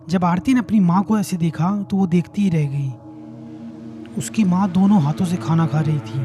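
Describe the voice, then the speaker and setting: Brief: male horror storyteller, high pitch, mellow dark tone, faint music beneath. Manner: dramatic, suspenseful.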